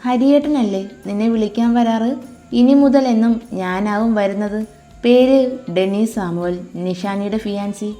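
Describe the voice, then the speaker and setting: A woman's voice: mid-range voice, a little slow, dark tone, faint music behind, close to an everyday voice. A woman voicing a sweet-talking young man who dotes on his fiancée, tender and coaxing.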